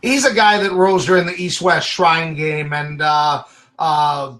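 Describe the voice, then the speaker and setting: A man's voice: fairly high pitch, steady tone, measured pace, pushed and bright. A man giving opinionated, casual sports commentary as a draft analyst.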